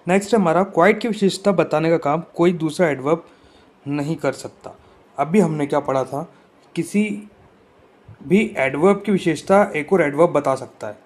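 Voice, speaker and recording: Man, grammar teacher, exam-prep lesson, slightly raised pitch, patient step-by-step explaining. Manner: explains step by step, often checks with the class.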